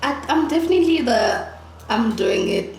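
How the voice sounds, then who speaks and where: A woman guest on a chiropractor's show, chatting casually, expressive and quick to exclaim and laugh. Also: high voice. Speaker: guest patient, dancer. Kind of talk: casual chat. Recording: echoey room with faint noise.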